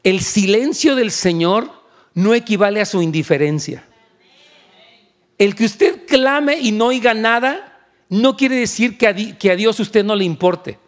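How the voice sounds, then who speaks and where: A male pastor preaching an animated sermon, switching into English and asking for amens. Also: high-pitched, unhurried. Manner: animated, switches into English, asks the crowd for amen.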